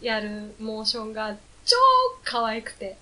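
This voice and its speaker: A young woman from eastern Japan co-hosting a casual podcast, gushing and quick to laugh. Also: fairly high pitch, completely flat delivery, bright, forceful tone. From Kanto, Japan. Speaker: podcast co-host. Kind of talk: casual chat.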